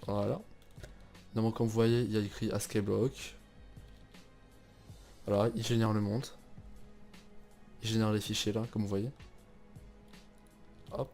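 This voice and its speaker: Mellow young man giving a casual tutorial. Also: on the low side, a little slow, long pauses, faint music behind. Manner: chatty, relaxed, lots of fillers and restarts. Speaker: tutorial host. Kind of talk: casual screen-recorded game server tutorial.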